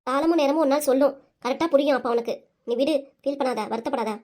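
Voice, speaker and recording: A woman performs the voice of a nagging, sharp-tongued old grandmother in a cartoon comedy, using a southern Tamil Nadu accent. Her high voice moves fast, scolding and exasperated yet carrying a consoling mood, with only light acting.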